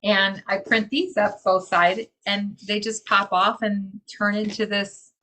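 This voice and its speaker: A woman's voice: mid-range voice, steady tone, measured pace, pushed and bright. A woman enthusiastically explaining a crypto gift card in casual talk on a video call, gushing as she goes. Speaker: crypto community organizer.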